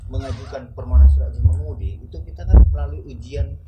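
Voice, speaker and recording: Indonesian-accented man, police officer, explanatory podcast talk, tag questions, medium pitch, noisy recording. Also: fairly even intonation, quick pace, lo-fi sound. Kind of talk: explaining traffic rules in a podcast.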